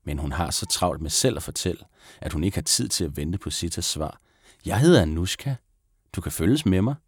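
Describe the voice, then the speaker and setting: Male audiobook narrator for children's stories: very low voice, calm, measured, dry. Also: dry recording. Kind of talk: audiobook reading of a children's book.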